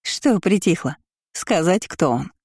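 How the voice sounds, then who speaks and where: A woman voicing a spiteful young woman who sneers and mocks in a shrill, high voice. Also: lively intonation, measured pace, a little mellow, husky, dry recording, clean studio sound, full character voice. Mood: gloating.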